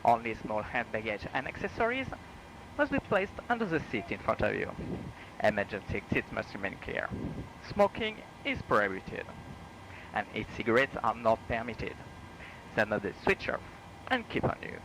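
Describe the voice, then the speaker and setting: A man making a formal cabin announcement, his voice lively and rising and falling over the phrases. He keeps a measured delivery as he addresses passengers. Steady cabin noise sits clearly behind him. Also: on the low side. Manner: formal, measured announcement delivery, switching between French and English.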